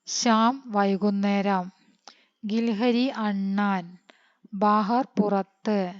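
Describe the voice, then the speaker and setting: A woman from teaching an online lesson, reading text slowly and then quickly glossing words one by one. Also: mid-range voice, fairly even intonation, no echo. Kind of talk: online Hindi lesson explained in Malayalam. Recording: dull lo-fi sound.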